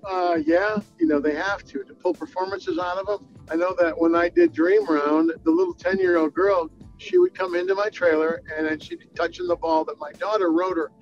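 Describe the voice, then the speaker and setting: A man telling an excitable anecdote as an interview guest, jumping up and down in pitch while he retells it. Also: moderate pace, hardly any pauses, highs cut off, faint music behind. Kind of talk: animated storytelling.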